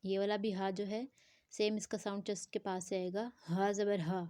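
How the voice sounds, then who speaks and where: Woman teacher, steady mid voice, dry close sound, patient letter-by-letter drilling. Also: mid-range voice, dry recording. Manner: spells words letter by letter, drawing out nasal sounds. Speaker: Quran recitation teacher. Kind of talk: slow spelling-out tajweed lesson.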